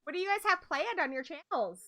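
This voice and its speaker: A woman's voice: sits high, very animated, brisk, sharp tone. A woman hosting a casual chat in an eager, gushing, playful manner. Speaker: host.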